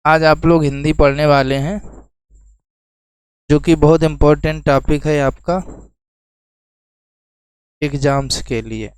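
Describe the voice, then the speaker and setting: Male tutor, fairly high voice, smooth and clear, dry close sound; explains step by step and answers his own questions. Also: steady tone, slow pace, pauses often, no echo, rough recording. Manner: explains then repeats key terms as questions to students. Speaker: teacher. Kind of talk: exam-prep lesson.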